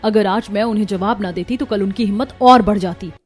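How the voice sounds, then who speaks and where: A woman's voice: mid-range voice, fairly quick, husky, faint music behind, close to an everyday voice. A woman voicing a heavy, outspoken young daughter-in-law in a cartoon story, fiery and defiant. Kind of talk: cartoon voice acting.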